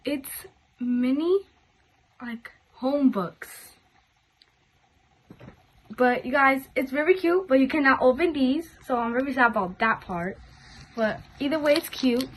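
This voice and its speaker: A woman's voice: sits high, measured pace, long pauses, low-quality recording. A woman chatting informally to her viewers as she hosts a casual toy unboxing vlog. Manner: informal, repeatedly addressing viewers as "guys". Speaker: host of a toy unboxing video.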